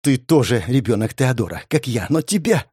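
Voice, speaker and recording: A man's voice: animated, moderate pace, darkish tone, breathy edge, no echo, studio quality. A man voicing a haughty, bitter young woman model who hisses her contempt. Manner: hissing, contemptuous, rising to shrill complaint.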